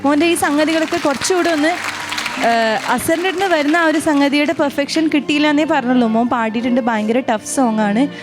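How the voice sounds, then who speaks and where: Female judge, higher-pitched, warm teasing critique, music bed clear underneath. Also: steady tone, fairly quick, a crowd in the background. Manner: affectionate, coaxing, teasing. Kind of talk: judge's critique on a TV talent show.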